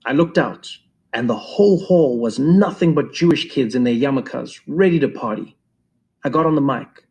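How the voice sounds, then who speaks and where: A man narrating a first-person memoir in an expressive storytelling voice. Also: medium pitch, normal speed. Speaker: audiobook reader.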